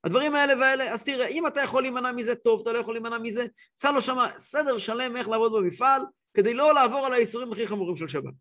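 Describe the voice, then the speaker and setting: A man in his thirties, a rabbi telling a story in a weekly religious class with lively voiced quotes. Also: very high-pitched, few pauses. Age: 30s.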